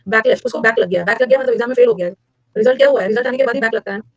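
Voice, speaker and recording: A woman teacher running a lively classroom lecture, drilling vocabulary with repetition and mnemonics. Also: racing, dry recording. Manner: energetic, repetitive, with sudden high-pitched emphasis. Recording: dull lo-fi dry recording.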